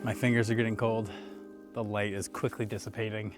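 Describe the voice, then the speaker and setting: A man's voice: fairly low pitch, fairly quick, loud music behind the voice. A young adult man, a landscape photographer, casually talking to camera while out walking in snowy woods. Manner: relaxed, musing, talks while walking. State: out of breath. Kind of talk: casual vlog narration on location.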